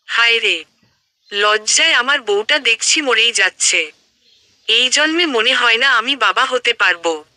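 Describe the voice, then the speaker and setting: A woman's voice: a little high, animated, unhurried, sharp tone, dry recording, exaggerated voice. A woman voicing an affectionate, teasing young man talking to his fiancée on the phone in an audio story. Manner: playful, teasing.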